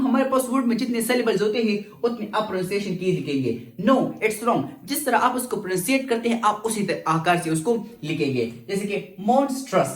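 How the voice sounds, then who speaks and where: Pakistani male English teacher, classroom lecture, animated pitch, roomy echo. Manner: mixes English with Urdu, asks and answers own questions. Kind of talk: lecturing students.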